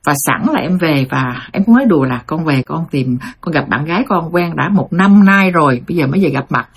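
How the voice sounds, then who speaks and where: Middle-aged woman host, husky voice, animated story monologue, addresses the audience directly. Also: deep voice, a little fast. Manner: addresses audience as "thưa quý vị", animated retelling. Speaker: host retelling listeners' life stories.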